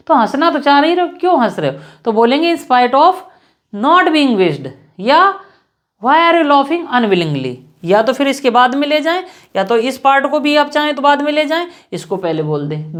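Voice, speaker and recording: A woman teaching English grammar in Hindi, slowly repeating example sentences word by word. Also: fairly high pitch. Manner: slow, repetitive, spells out example sentences word by word.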